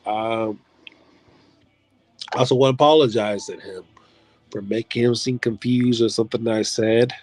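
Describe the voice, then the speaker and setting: A man's voice: mid-range voice, fairly even intonation, moderate pace, long pauses, darkish tone, no room sound. A man hosting his own online show, rambling through heartfelt thank-yous in a casual farewell video, with some swearing. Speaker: online league host signing off.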